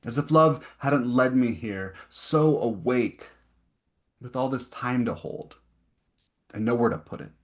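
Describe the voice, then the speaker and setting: A young man reads his own poems aloud at a poetry event, giving repeated lines slow, rising emphasis. Between the poems he chats casually and leans on fillers. His voice sits at an ordinary middle pitch. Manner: chatty, filler-heavy asides between poems. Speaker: poet reading his work. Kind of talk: poetry reading with casual asides.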